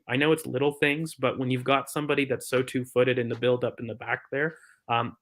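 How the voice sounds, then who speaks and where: A man chats about football on a podcast at an ordinary, mid-range pitch. He thinks aloud with plenty of "um"s and restarts, breaking things down like a physio would. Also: a bit bright. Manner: thoughtful, filler-heavy, explains from a physio view. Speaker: podcast co-host. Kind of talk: casual football chat.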